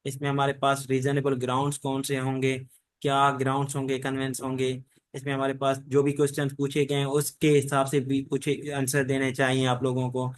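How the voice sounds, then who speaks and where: Fairly quick and monotone, this medium-pitched man lectures an online law class with no echo. The style is loose and rambling, full of repeated stock phrases, switching between Hindi-Urdu and English legal terms.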